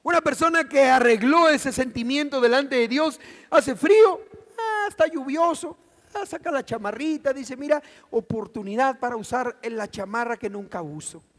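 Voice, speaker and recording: A middle-aged man with a Mexican Spanish accent preaching a sermon as pastor, animated and acting out the voices he quotes. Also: very high-pitched, normal speed. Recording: church hall reverb.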